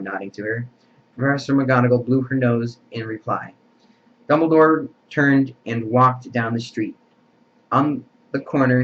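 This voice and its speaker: A man's voice: medium pitch, slight background noise. A man reading a novel aloud, with a plain delivery that stumbles and restarts, on a dull lo-fi recording. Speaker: amateur reader.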